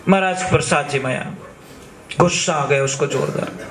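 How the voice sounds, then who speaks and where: A male preacher tells a humorous devotional story, acting out every character. His voice is high, and the sound echoes through a large hall. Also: moderate pace, fairly bright tone. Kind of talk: storytelling sermon.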